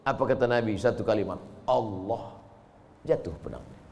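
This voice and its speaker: A man with a voice on the high side preaches a sermon at normal speed. He tells stories in an animated way, acting out the voices of the people in them.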